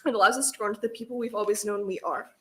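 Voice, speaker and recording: A woman's voice: medium pitch, fairly even intonation, very fast, bright, forceful tone. A young woman reading a firm, earnest prepared testimony to state senators.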